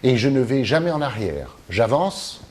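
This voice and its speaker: Here the man's pitch is medium, swinging widely, with normal speed and a darkish tone. A film translator and teacher from the Mediterranean, he answers interview questions in a pondering, tentative way, restarting and filling pauses often. Faint noise sits in the background.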